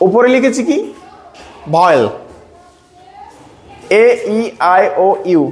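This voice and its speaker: High-pitched guy w bengali accent teaching phonics real slow, says each sound over and over. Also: slight background noise. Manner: drills sounds by repeating them slowly; asks students questions and checks they follow. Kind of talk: slow classroom phonics lesson.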